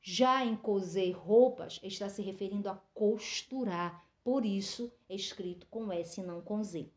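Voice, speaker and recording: A woman teaches a school grammar lesson at a steady, patient pace, checking understanding again and again. Her voice sits at a mid pitch, and the recording carries a noticeable room echo. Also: measured pace. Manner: explanatory, many "tá?" and "é" fillers. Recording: roomy echo.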